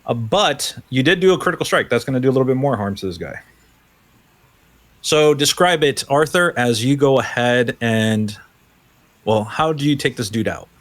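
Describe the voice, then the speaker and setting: A man's voice: mid-range voice, lively intonation, normal speed, a bit bright. A man running a tabletop game as game master, narrating loosely with many fillers.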